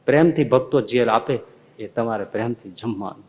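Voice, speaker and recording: A male preacher acting out a devoted elderly aunt who pleads softly and earnestly on her lord's behalf. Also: moderate pace, phone-quality sound, natural voice. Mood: earnest pleading. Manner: soft, low and earnest.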